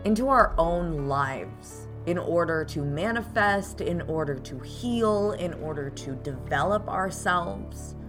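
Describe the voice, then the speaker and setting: A woman's voice: lowish voice, expressive, slow, hardly any pauses, music in the background. A woman hosting a podcast as a card reader, explaining things informally and directly to her listeners.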